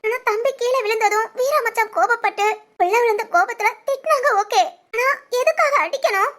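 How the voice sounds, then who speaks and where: A hurt young wife with a very high, thin voice, crying as she speaks. She talks in a plaintive, complaining way, and sobs break through her lines. This is cartoon family-drama voice acting. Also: fairly quick, fairly bright tone. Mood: upset, pleading. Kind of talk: animated family story voice acting.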